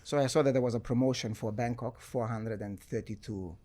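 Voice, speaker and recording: A sports entrepreneur from Germany appears as a podcast guest, his mid-range voice moving a little quickly. Relaxed and anecdotal, he ends many sentences with "right?" and uses "you know" a lot.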